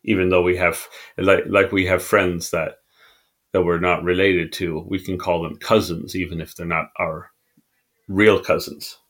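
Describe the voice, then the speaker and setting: A middle-aged father co-hosting a casual family podcast, gently asking his daughter questions with many restarts. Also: low-pitched, level tone, measured pace. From Mexican background.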